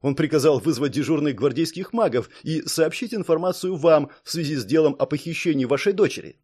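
A dutiful male secretary delivers a brisk, formal report in this audiobook, as a male reader voices him. The voice sits a little higher than the narration and keeps an urgent, orderly rhythm. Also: a little mellow, slightly rough.

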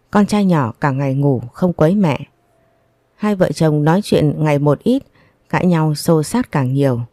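Low-voiced woman narrating a story. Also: mellow, no room sound, clean studio sound. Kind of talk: first-person audio story narration.

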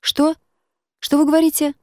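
Flustered young woman, squeaky and pleading, pitched high, read by a woman in an audiobook. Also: lively intonation, fairly quick, warm tone, dry recording, clean studio sound. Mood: alarmed shouting. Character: flustered, anxious young woman Katya, insistent.

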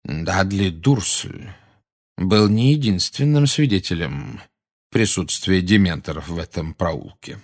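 A man voicing a calm courteous old wizard. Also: fairly low pitch, pitched above the performer's own voice. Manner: polite, measured.

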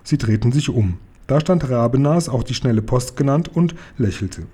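A man reading a children's story aloud in a lively, characterful way. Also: mid-range voice, normal speed, husky. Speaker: audiobook reader. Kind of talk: storytelling narration.

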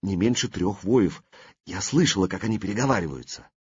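A male audiobook reader voicing a frightened, anxious young princess in a raised, softened voice. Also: sits low, expressive, a little fast, slightly rough, no echo, highs cut off.

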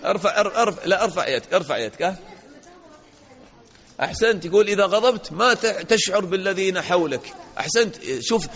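A man's voice: high voice, animated, fairly quick, fairly bright tone, a faint crowd. A man giving an interactive religious lesson to children, asking questions, praising answers and acting out little dialogues. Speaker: sheikh teaching children. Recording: dull lo-fi audio in a reverberant hall.

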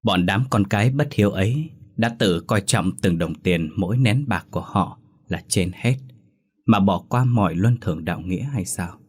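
A man's voice: low voice, expressive, normal speed, darkish tone, breathy edge. A man narrating a first-person story in a bitter, scornful tone.

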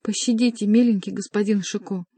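A woman's voice: medium pitch, steady tone, fairly quick, mellow, husky, no echo. A woman voicing a fat, cowardly monk who begs breathlessly for mercy. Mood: pleading. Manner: pleading, breathless.

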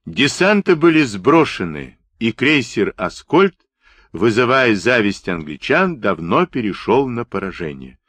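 A man narrating a book in an expressive, dramatic storytelling manner on a close mic. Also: medium pitch, a little slow, hardly any pauses, dry recording. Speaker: audiobook narrator.

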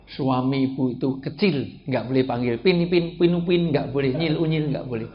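A middle-aged man giving a humorous religious lecture, joking with his audience and breaking into loud bursts of emphasis. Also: medium pitch, moderate pace. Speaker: preacher. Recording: dull lo-fi recording with faint background hiss.

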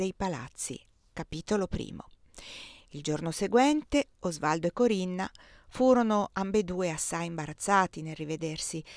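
A woman narrating a classic novel aloud in a measured, expressive reading. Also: fairly low pitch, dry recording, studio quality. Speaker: audiobook reader.

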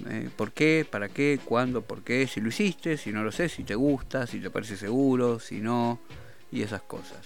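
Faint music plays behind a radio host whose gravelly, mid-range voice moves at a normal speed. He speaks Rioplatense Argentine Spanish, rambling and joking in casual talk-show chat and laughing at his own humor.

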